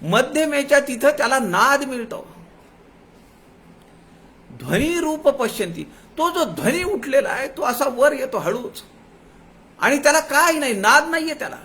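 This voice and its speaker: A man giving a devotional discourse as a spiritual teacher, explaining patiently, chanting verse lines slowly and dropping folksy asides. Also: extremely high pitch, pushed and bright.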